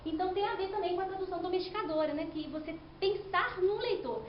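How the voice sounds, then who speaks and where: A woman's voice: very high voice, quick pace. Woman, academic presentation, explanatory, many "né?" tags, faint room noise. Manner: explanatory, with frequent "né?" and restarts. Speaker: student presenting her thesis. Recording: echoey room, slightly dull sound.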